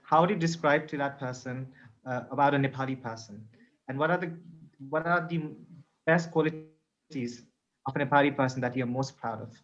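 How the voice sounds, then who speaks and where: A man judging a pageant who asks questions in a relaxed, chatty way. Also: medium pitch, moderate pace. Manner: relaxed, chatty, laughs easily. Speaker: pageant judge. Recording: dull lo-fi audio.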